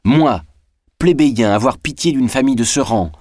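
A man's voice: medium pitch, expressive, moderate pace, darkish tone, no room sound, clean studio sound, pitched above the performer's own voice, close to an everyday voice. A man voicing a proud, ambitious young man of peasant birth in an audiobook reading. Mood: proud, bitter.

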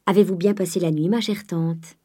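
A woman's voice: lowish voice, steady tone, normal speed, mellow, slightly rough. A woman reading the part of an affable, coquettish young Parisian dandy, with an airy, polished, lightly teasing manner.

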